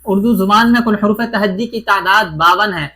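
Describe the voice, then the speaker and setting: A man's voice: high-pitched, bright, forceful tone. A man teaching an exam-prep grammar lesson, who repeats each point and asks and answers his own questions.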